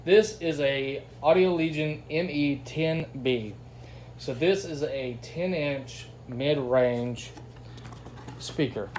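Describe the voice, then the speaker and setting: Talking slowly in a fairly high, slightly mellow voice, a man hosts a casual unboxing and test video. He's enthusiastic and slangy with a folksy manner, and the audio comes from a noisy phone camera using its built-in mic.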